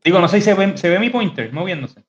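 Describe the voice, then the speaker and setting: A man's voice: sits high, animated, fast, muffled recording. A man hosting a casual podcast, teaching about biblical Greek with many fillers and restarts over a video call. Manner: hesitant, many fillers and restarts, laughs easily.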